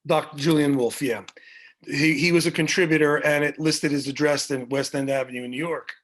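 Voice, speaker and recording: Middle-aged man, guest storyteller, lots of ums and restarts, a little high-pitched. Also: steady tone, a little fast, fairly bright tone. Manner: rambling anecdotes with many fillers and restarts. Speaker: guest, music director. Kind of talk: storytelling in a video podcast interview. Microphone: video call.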